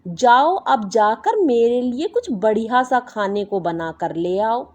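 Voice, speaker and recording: Woman doing a bossy scheming mother-in-law, slow scolding delivery, lively pitch, storybook character. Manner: scolding, commanding. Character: harsh scheming middle-aged mother-in-law. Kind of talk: storybook voice acting.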